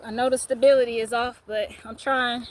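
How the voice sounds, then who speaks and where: A woman's voice: a little high, flat delivery, brisk. A woman vlogging casually while riding a bike up hills outdoors, out of breath and laughing between playful exclamations. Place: outdoors on a bike on hilly roads.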